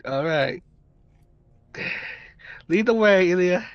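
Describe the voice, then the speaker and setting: A man's voice: high-pitched, animated, takes it slowly, clean tone, dry recording, muffled recording. A man playing a tabletop game, chatting casually and thinking aloud. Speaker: player.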